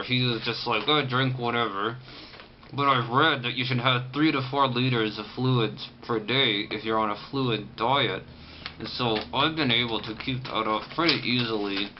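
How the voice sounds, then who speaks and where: Man talking through a sore, banded jaw, muffled. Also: mid-range voice. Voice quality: restricted, tight-jawed articulation from a banded, sore jaw after surgery. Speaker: vlogger. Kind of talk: casual first-person recovery vlog. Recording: muffled, lo-fi camera audio with clear background noise.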